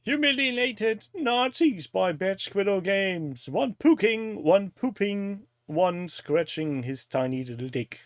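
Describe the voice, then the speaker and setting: A German man, a native German speaker with a German accent, hosts a casual live-stream chat, joking, teasing and using crude humour. His high-pitched voice is animated yet slow, with hardly any pauses. The studio-quality audio has no room sound.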